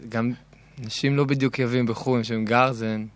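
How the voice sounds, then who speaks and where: Man chatting at medium pitch. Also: fairly even intonation. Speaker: musician guest. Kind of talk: casual chat. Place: radio studio.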